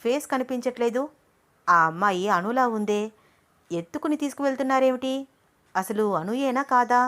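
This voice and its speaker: A restless, protective young man, urgent and full of questions, in a storybook thriller turn, as a female narrator puts him on. The voice rises in pitch as he frets. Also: moderate pace, fairly bright tone, natural voice. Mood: worried.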